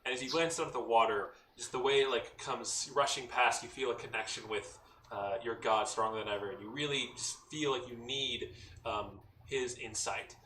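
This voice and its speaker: A man running a tabletop game as game master, describing scenes in a halting, descriptive way. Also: mid-range voice, fairly even intonation, pushed and bright. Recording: echoey room, mic at a distance, faint noise.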